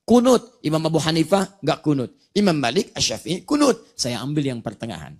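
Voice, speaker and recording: A man's voice: fairly high pitch, wildly swooping pitch, brisk. A man giving an Islamic religious lecture, explaining points of law with rhetorical questions and recited Arabic verses. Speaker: preacher.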